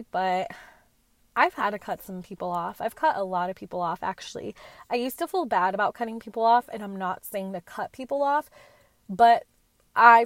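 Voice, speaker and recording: No room sound at all surrounds this medium-pitched woman's voice. She's a podcast host in her late twenties, chatting casually by herself, earnest and sprinkled with slang.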